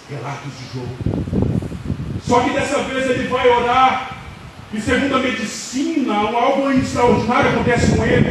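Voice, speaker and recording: High-voiced Brazilian preacher in echoing church. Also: male voice. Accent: Brazilian Portuguese. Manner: vivid retelling with sudden shouted peaks. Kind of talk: dramatic sermon storytelling. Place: church service. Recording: echoey hall, distant mic, noisy.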